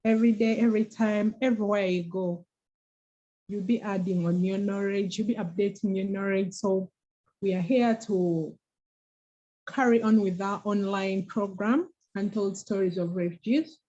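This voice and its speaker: Woman co-host, mellow dark voice, earnest and preachy, dull lo-fi call audio. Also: mid-range voice, steady tone, normal speed. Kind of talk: motivational talk.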